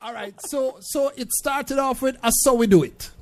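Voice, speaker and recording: High-pitched male interviewer, casual. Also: moderate pace, faint music behind. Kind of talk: casual interview with short acknowledgements.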